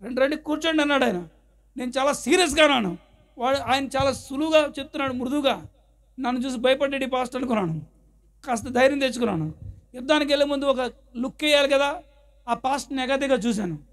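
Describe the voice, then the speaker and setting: A man's voice: very high-pitched, fast talker, a bit bright. A male pastor preaching his testimony, a dramatic storyteller who acts out the scenes. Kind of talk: sermon with personal testimony.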